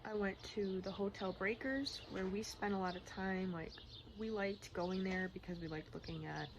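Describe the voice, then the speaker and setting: A woman talking candidly in a personal vlog, in a rambling, halting, casual way, often repeating herself. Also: mid-range voice. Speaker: personal vlogger. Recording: clearly noisy outdoor-like ambience, birdsong. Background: birdsong and environmental noise.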